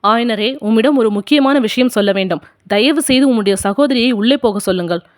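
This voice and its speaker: Chill monk guy dressed up as a king, slow and steady, woman voicing, dry close sound. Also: a little high, dry recording, close to an everyday voice. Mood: calm. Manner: calm, measured. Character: calm monk disguised as a king, gentle man.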